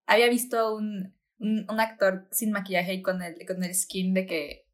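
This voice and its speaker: A young woman co-hosts a relaxed podcast chat. She mixes English slang into her talk and trails off into fillers. Her voice sits at a middle pitch. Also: measured pace. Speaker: podcast co-host. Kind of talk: casual chat.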